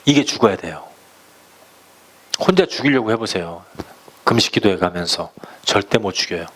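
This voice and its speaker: A man's voice: lowish voice, animated, moderate pace, fairly bright tone. A male pastor preaching a sermon, asking the congregation rhetorical questions and acting out quoted speech.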